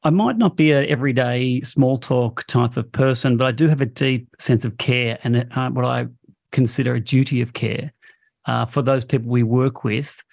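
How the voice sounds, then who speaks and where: A man's voice: mid-range voice, normal speed, gravelly, darkish tone, no echo, studio quality. A man being interviewed about leadership and culture, speaking bluntly and frankly. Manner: blunt and outspoken. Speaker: interview guest, company CEO. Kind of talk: interview answers.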